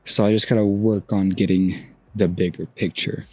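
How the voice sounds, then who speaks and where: A man in his twenties hosting a solo podcast, talking through his feelings outdoors at sunrise in a soft, musing way that trails off and restarts. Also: on the low side, steady tone, normal speed, husky, dry recording, soft background music. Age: 20s. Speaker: podcast host. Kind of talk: reflective solo podcast monologue.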